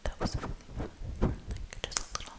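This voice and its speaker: A woman esthetician whispering casual ASMR chat, rambling with lots of filler words in a breathy unvoiced whisper. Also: brisk, darkish tone.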